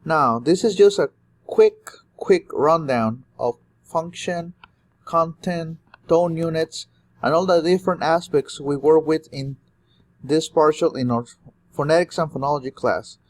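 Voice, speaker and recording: Young guy w a bit of a high voice doing a class review, walks thru it step by step, says example lines out loud. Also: a little slow. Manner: explains step by step and acts out example phrases. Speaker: student presenting a course review. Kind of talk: spoken exam review lesson.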